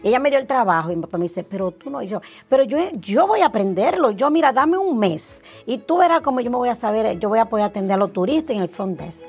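Animated Dominican woman telling her story. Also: on the high side, fast talker, hardly any pauses, husky, faint music behind. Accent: Dominican Spanish. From Dominican Republic. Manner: animated, acts out past conversations, frequent fillers. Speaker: interview guest, insurance agency owner. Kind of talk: casual interview storytelling.

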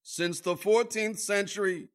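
A man's voice: high-pitched, steady tone, unhurried, a little hiss or hum. An actor playing an earnest, plaintive man convinced he is Santa Claus, in a comic radio drama. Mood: troubled, earnest.

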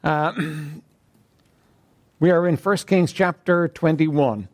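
A man preaching a conversational Bible-teaching sermon, clearing his throat often. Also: fairly high pitch, drawn-out words.

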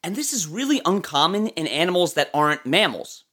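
Speaking fairly quickly in a mid-range, highly animated voice, this educational presenter delivers nature documentary narration. The tone is informal and explanatory, aimed straight at the listener, with lively shifts in intonation.

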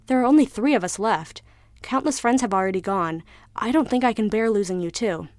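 A woman's voice: mid-range voice, animated, fairly quick, darkish tone, dry recording, studio quality, close to an everyday voice. A woman voicing an anxious, fragile tuna who talks in a pleading, slightly raised way.

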